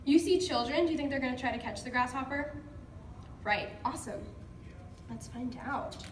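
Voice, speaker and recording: At a moderate pace and in a high-pitched voice, a woman teacher runs an interactive picture-book reading for kids, cheering them on and prompting with questions. The recording has echo, a far-off mic and background noise.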